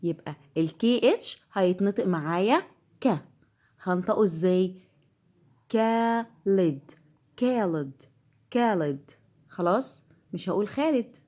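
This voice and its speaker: A woman with an Egyptian Arabic accent teaching English pronunciation, patiently repeating each word slowly. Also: lowish voice, animated, darkish tone. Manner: patient, repeats words slowly to drill them. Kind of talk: classroom-style lesson.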